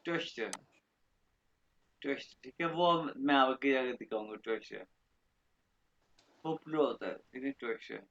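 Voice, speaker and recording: A man teaching German vocabulary in an online lesson, repeating each word slowly and often checking that students follow. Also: medium pitch, gravelly, fairly bright tone, muffled recording.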